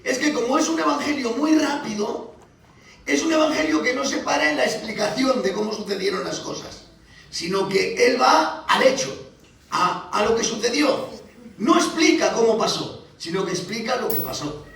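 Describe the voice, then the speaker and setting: A man's voice: extremely high pitch, expressive, moderate pace, gravelly, a bit bright. A man preaching a sermon in a church, teaching through questions and vivid examples, recorded from far off in a very echoey hall.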